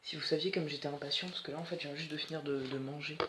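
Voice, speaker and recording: A teenager chatting excitedly and rambling while unboxing, swearing often, filmed on a phone at home. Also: mid-range voice, racing, slight background noise. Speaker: doll collector vlogger. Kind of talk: casual unboxing chat. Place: at home, indoors. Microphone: phone camera. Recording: echoey room with loud plastic rustling. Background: crinkling bubble wrap and plastic.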